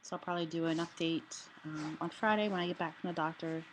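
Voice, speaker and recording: Low-voiced woman with a sore, swollen throat. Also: fairly even intonation, quick pace. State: recovering from throat surgery, altered voice with limited range. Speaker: vlogger sharing a health update. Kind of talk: casual personal update. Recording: clearly noisy room ambience.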